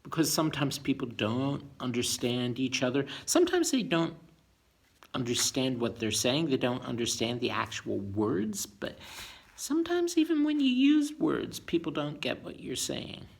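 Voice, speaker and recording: A man narrates a bedtime story for kids with plenty of expression, breaking off for chatty, teacherly asides and questions. His mid-range voice moves at normal speed and is slightly rough, with vocal fry.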